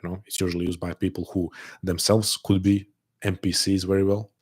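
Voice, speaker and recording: A man hosts a live online call, reflecting aloud to his audience in a thoughtful, earnest way, frequently repeating words and restarting phrases. His voice is low and slightly rough, delivered briskly and flatly.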